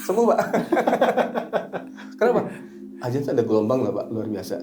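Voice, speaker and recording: A middle-aged man who works as a hypnotherapist, chatting casually and telling animated stories, sometimes slipping into a slow, soothing suggestion voice. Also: mid-range voice. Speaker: hypnotherapist guest. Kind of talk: casual chat.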